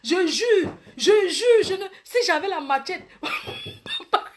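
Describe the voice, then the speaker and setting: A woman's voice: huge pitch swings, slow pace, full character voice. A woman voicing an indignant young man who has just arrived and is fighting with his brother. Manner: high, loud and indignant.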